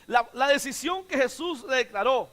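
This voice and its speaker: A male pastor preaching a sermon, who swings from shouts to hushed quotes and has the congregation repeat his words. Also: very high voice, lively intonation, normal speed.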